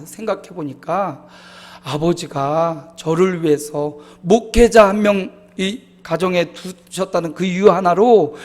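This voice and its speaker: A man in his fifties, a pastor preaching an emotional sermon that swings between loud and hushed. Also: sits high, long reverb tail. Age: 50s. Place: church sanctuary.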